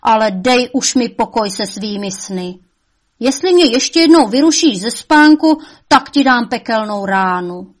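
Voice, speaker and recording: A woman's voice: mid-range voice, few pauses, lightly acted. A woman voicing a bad-tempered, curious male devil who bellows and laughs mockingly in a storybook reading. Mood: irritated.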